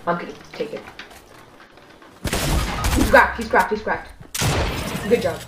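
A woman's voice: fairly low pitch, animated, measured pace. A woman talking casually to a teammate as a player in an online video game. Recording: noisy, echoey game voice chat.

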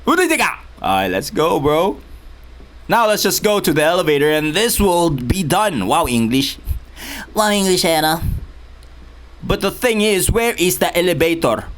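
A man doing let's play commentary, excitable, yelping and shouting in panic, mixing Tagalog and English. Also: a little high, unhurried. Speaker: gaming YouTuber.

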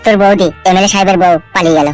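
A woman voicing a blunt, scheming middle-aged man in a comic cartoon, with a lowered, gruff voice. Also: fairly even intonation, very fast, lightly acted. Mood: glum. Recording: background music.

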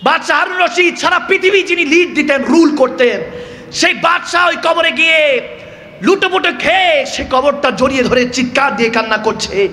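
A male preacher with a very high, piercing, bright voice gives an impassioned sermon. He chants his verses slowly and cries out in emotional bursts. His voice echoes with a long reverb through a large hall.

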